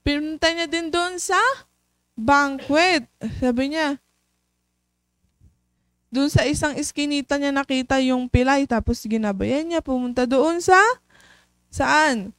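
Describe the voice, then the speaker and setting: A woman with a high voice tells a Bible story to children, slowly and patiently, pausing to ask questions. She often stops on fillers. The sound is dry and close. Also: dry recording. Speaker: children's devotion teacher. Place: church.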